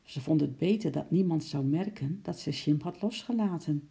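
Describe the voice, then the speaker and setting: A narrator reading a children's story aloud in a calm, even manner. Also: medium pitch, moderate pace, gravelly. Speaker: audiobook narrator.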